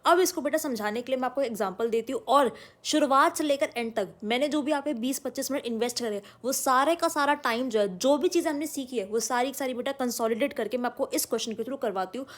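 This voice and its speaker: A woman's voice: sits high, quick pace. A woman teaching an online exam-prep lecture, talking emphatically and calling her students "beta". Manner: emphatic, addresses students as "beta", mixes English terms. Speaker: commerce tutor.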